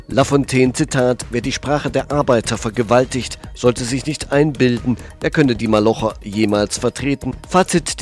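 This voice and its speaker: A man hosting a show, delivering polemical political commentary in a sarcastic, mocking manner. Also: mid-range voice. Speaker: host.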